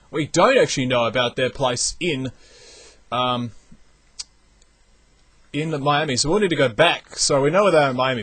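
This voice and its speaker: A young man, not from the United States, commentating a video game as he plays, thinking out loud with lots of energy. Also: a little high, husky. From outside the United States. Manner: animated, thinks aloud while playing. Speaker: let's play commentator. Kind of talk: gameplay commentary.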